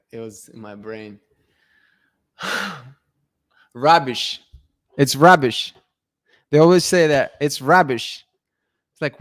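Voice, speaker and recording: A Russian man hosting a channel chats casually on a live stream, reading and answering viewer comments, often restarting and laughing. His voice is mid-range, and the studio-quality recording has no room sound.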